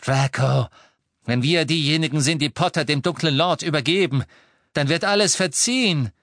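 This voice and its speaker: A man voicing an excited, impatient aristocratic wizard who presses eagerly. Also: on the high side, a little slow, dry recording, studio quality, pitched above the performer's own voice.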